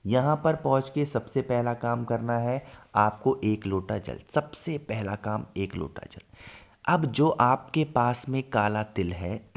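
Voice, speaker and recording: A man's voice: mid-range voice, creaky. Hindi-speaking man teaching rituals. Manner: asks and answers his own questions; slows down to stress steps. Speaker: religious ritual instructor. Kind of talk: devotional how-to teaching.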